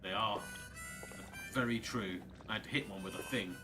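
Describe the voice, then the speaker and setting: Low-voiced man rambling over loud game music. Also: normal speed. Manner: dry, muttering asides to game characters. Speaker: gamer commentating on his playthrough. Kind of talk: casual rambling game commentary.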